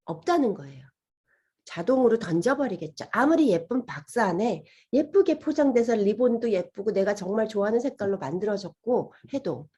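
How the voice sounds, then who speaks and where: A woman lecturer with a soft, breathy voice speaks to a room of listeners. Her pitch moves up and down a lot, and she often asks questions and acts out little inner voices. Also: expressive, moderate pace. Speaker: meditation and healing lecturer. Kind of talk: gentle lecture to an audience.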